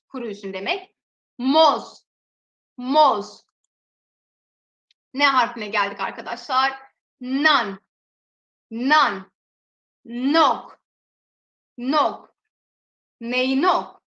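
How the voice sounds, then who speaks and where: A woman teaching a language lesson, slowly sounding out each example word twice and then explaining its meaning. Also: high voice, pushed and bright. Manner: slow, drawn-out pronunciation drills. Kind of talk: alphabet lesson with repeated example words. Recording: echoey room.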